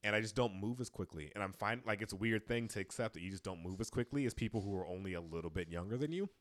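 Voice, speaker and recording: A man in his late twenties with a lowish voice talks quickly in a dry recording. Co-hosting a casual podcast chat, he rambles at length, full of fillers and self-deprecating remarks.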